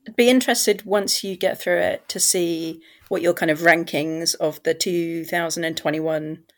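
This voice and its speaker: A woman's voice: lowish voice, steady tone, normal speed. A woman chatting casually as a co-host on a podcast. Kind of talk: casual chat.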